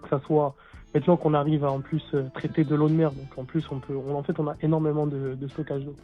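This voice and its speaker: A man with a fairly high voice explains casually as a caller. He is halting and repeats himself, on dull lo-fi audio with faint music behind. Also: little pitch movement. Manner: halting, repetitive, informal. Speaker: caller, water technician.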